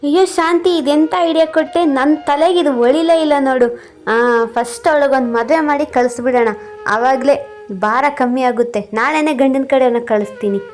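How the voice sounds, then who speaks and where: A woman's voice: high voice, steady tone, moderate pace, faint music behind, natural voice. A woman voicing a harsh middle-aged father in a cartoon story, scolding and scornful. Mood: eager.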